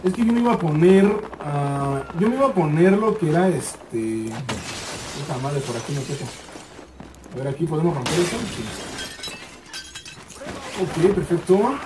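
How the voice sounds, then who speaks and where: Excitable high-voiced Mexican gamer. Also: male voice, far from the mic, noisy background. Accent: Mexican Spanish. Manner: excitable, swearing, repeats words in bursts. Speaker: gaming YouTuber. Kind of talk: casual gameplay commentary.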